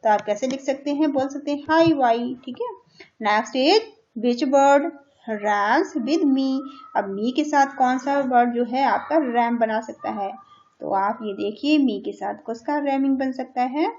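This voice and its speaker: A woman's voice: high voice, normal speed, darkish tone, slight background noise. A woman teaching a children's English lesson in Hindi, patiently repeating words and asking questions that she answers herself. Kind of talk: slow classroom lesson explaining English in Hindi. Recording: dull lo-fi sound.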